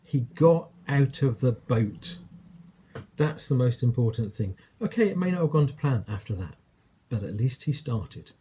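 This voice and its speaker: A man's voice: medium pitch, animated, unhurried, dark tone, slight background noise. A man with an English accent preaching a sermon, telling a story in a conversational way and acting out quoted lines.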